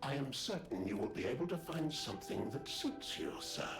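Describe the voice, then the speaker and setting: A man's voice: medium pitch, very animated, moderate pace. An actor voicing a polite male puppet butler in a video game, speaking in formal, deferential salesman patter. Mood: courteous. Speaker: major domo of a luxury shop. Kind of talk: video game character dialogue. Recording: roomy game audio with music behind.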